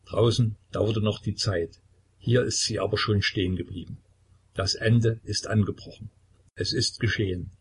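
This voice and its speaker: Low, husky male storyteller. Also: steady tone. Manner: measured, grave. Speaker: audiobook narrator. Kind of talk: scripted literary narration.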